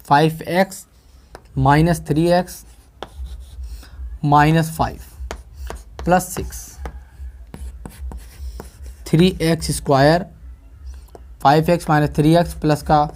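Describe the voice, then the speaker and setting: A man's voice: fairly high pitch, darkish tone. A man with a Hindi-speaking North Indian accent teaching a math lecture, who keeps asking and answering his own questions and checking in with the class. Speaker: math tutor.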